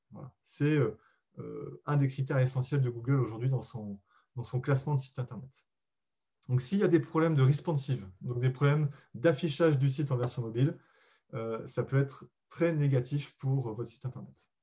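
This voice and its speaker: A man leads a live online training session in a warm, relaxed voice. He explains things patiently and pauses often to find his words. He speaks politely and directly to his audience. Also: mid-range voice. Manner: explains patiently, with frequent hesitations; addresses listeners directly and politely. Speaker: SEO webinar presenter. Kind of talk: live webinar presentation.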